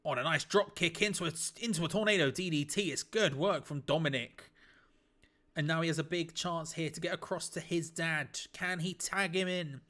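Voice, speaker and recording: An excitable man calling wrestling live for his stream, his voice sitting a little higher than most men's. He talks casually and bluntly, throws in the odd mild swear, and jumps up in volume when a big move lands. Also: moderate pace. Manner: excitable, breaks into shouts at big moves. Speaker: watch-along streamer. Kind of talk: live play-by-play reaction commentary.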